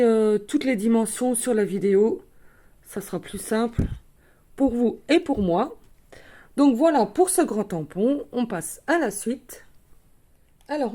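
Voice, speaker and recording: A woman's voice: fairly high pitch, mellow. A woman casually showing her craft purchases to viewers, chatty with many fillers and small self-corrections. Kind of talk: casual show-and-tell.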